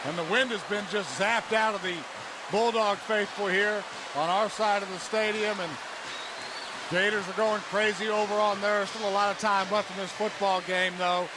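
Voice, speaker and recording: A man's voice: high-pitched, fairly even intonation, moderate pace. A man working as a radio color commentator, analyzing football plays as a partisan of the home side. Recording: clear stadium noise behind broadcast voice. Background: stadium ambience.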